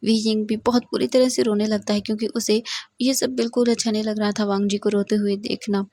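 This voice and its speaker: A woman's voice: medium pitch, flat delivery, a little fast, mellow, no echo. A woman narrating a fan story, stammering now and then and repeating words.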